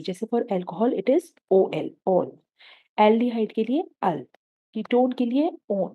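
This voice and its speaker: Woman teaching, mellow tone. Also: medium pitch. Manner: Hindi-English mix, patient step-by-step explaining. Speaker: science teacher. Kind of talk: explaining a chemistry lesson.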